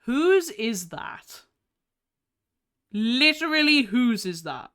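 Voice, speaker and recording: A woman streamer chatting live with her viewers in a bubbly, giggly, excitable way while playing games. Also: on the high side, moderate pace, smooth. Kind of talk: live gaming stream chat.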